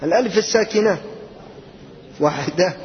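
A man teaching Arabic grammar to a class, asking questions and repeating key words slowly. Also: high-pitched, long reverb tail, dull audio, slight background noise.

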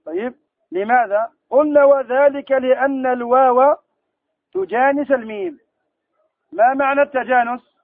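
A man teaching Quran recitation rules in a classroom lesson, quizzing students and then answering his own questions, slowing down to recite verse examples. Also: extremely high pitch, no room sound. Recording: tinny phone-like lo-fi recording.

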